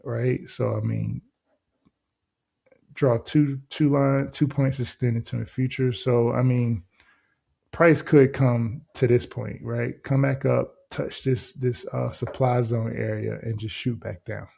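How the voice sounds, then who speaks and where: A man hosting a trading channel, walking through a chart in a loose, casual way and tossing in "right?" and "boom" between steps. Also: steady tone, slow pace, creaky, mellow, slightly rough. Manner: loose and conversational, heavy on filler words like "right?" and "boom". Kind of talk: casual screen-share trading walkthrough.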